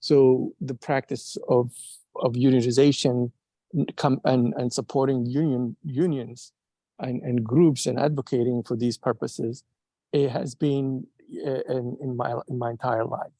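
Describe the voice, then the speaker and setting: A man from Somalia speaking up at a community meeting, earnest and halting with many restarts. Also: mid-range voice, steady tone, mellow, no echo. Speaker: audience member. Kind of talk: casual remarks at a meeting.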